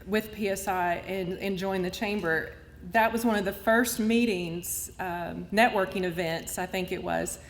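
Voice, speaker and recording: A woman's voice: mid-range voice, a little hiss or hum. A tearful woman in her fifties accepts an award, her voice breaking with emotion as she gives heartfelt thanks. Her voice rings out in a large hall with a long reverb tail, and a faint murmur of the room sits underneath. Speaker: award recipient. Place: large event hall at a lunch.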